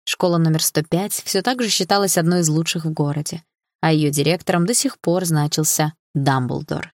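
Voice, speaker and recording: A woman narrating an audiobook in the first person, calm and steady. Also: sits low, normal speed, no room sound, clean studio sound.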